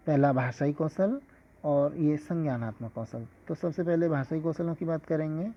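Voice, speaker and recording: Guy teaching a lesson, measured and explanatory, bit high voice, dull lo-fi sound. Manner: measured, explanatory, with occasional fillers. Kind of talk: scripted lesson lecture. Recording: dull lo-fi recording.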